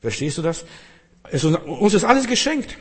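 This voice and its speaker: Husky-voiced German man preaching. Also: on the high side, sing-song, moderate pace. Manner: emphatic preaching with repetition and direct address. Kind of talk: sermon.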